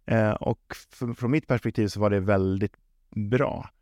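Lowish-voiced man answering interview questions, dry sound. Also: steady tone, darkish tone, dry recording. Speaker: football club sporting executive, interviewee.

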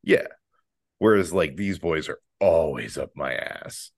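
A man's voice: extremely low pitch, expressive, unhurried, dry recording, studio quality. A man co-hosting a podcast, chatting casually over beers, laid-back and swearing freely. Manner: laid-back, swears a lot, laughs easily. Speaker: podcast co-host. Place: borrowed house, indoors.

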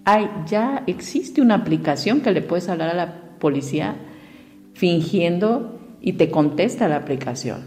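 Low-voiced woman, reflective talk. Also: lively intonation, measured pace, darkish tone, in a large hall, faint music behind. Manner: asks the listener direct questions. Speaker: speaker on emotions.

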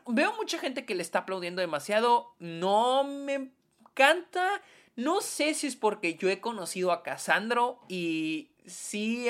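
A woman with a Mexican accent giving a casual film review, slangy and animated, with many filler words. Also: medium pitch.

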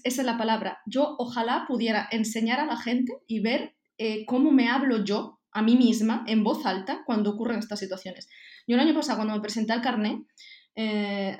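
A woman with a Spain Spanish accent tells her stories as a podcast guest in casual conversation, acting out her own self-talk. Her voice is fairly high and a little mellow, and the room is echoey.

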